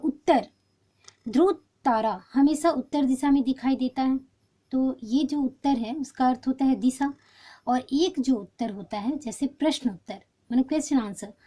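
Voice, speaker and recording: A woman teacher explaining a textbook lesson patiently, pausing often with fillers and restarts. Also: sits high, dark tone.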